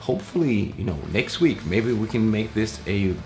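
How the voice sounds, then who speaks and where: A man, a musician, answering viewer questions in a relaxed, rambling way full of fillers. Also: lowish voice, normal speed, faint music behind. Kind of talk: casual Q&A vlog.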